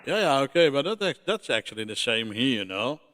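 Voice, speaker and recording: A man running a ham radio contact on a livestream, speaking in a halting, friendly way with many fillers. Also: medium pitch, sing-song, fairly bright tone.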